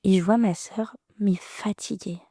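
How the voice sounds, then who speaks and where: A woman in her thirties, a podcast guest, recounting a personal story in a halting, emotional way with many restarts. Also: mid-range voice, fairly even intonation, warm tone, no echo, clean studio sound.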